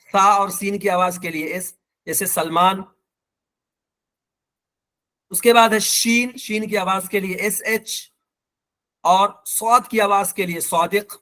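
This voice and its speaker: Man, Pakistani accent, fairly high voice, patient online teacher, repeats examples. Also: fairly bright tone. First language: Urdu. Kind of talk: online language lesson.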